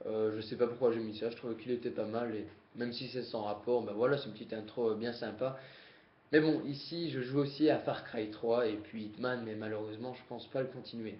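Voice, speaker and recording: A young man talking to his viewers on camera for the first time, nervous and rushed, with many fillers and self-corrections. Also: mid-range voice, fairly even intonation. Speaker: gaming YouTuber. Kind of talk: face-cam vlog talk. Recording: dull roomy home recording.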